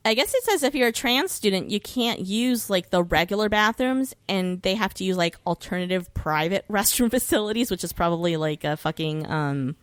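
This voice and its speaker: A woman appears as a podcast guest, casually explaining legal issues in an informal way, swearing now and then and hesitating as she recalls details. Her medium-pitched voice is expressive, moving at a moderate pace with few pauses and no echo.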